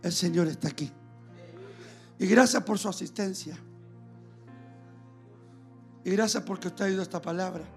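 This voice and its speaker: A man's voice: high-pitched, normal speed, pauses often, soft background music. A man preaching a fervent sermon as a pastor, calling out to his congregation during a church service.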